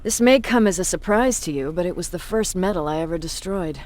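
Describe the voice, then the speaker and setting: A woman with a lowish, somewhat mellow voice speaks briskly with lively intonation, acting lightly. She plays a battle-hardened resistance commander in a video game, blunt and authoritative. Her mood is wry and reminiscing.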